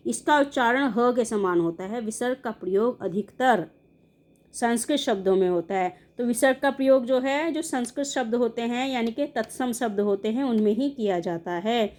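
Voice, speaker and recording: High-voiced woman teaching a grammar lesson. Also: a little mellow. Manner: explains step by step, asking and answering her own questions. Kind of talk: online grammar lesson for children.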